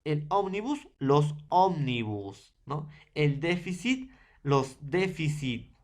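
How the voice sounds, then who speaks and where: A man's voice: on the high side, lively intonation, slow, darkish tone. A man with a Peruvian accent teaching a grammar lesson to secondary students, listing word pairs and checking in with the class often. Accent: Peruvian Spanish. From Peru. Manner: lists word pairs one by one.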